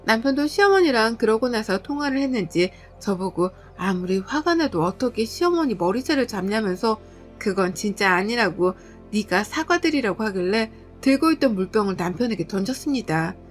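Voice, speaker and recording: A woman's voice: mid-range voice, expressive, moderate pace, faint music behind. A woman in her thirties narrating a personal family conflict, indignant and firm. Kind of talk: dramatized storytelling with dialogue.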